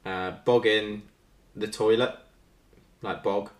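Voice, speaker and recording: A man's voice: fairly low pitch, fairly even intonation, slow, reverberant. A man in a casual chat, good-humoured and self-mocking as he guesses words. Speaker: vlogger being quizzed.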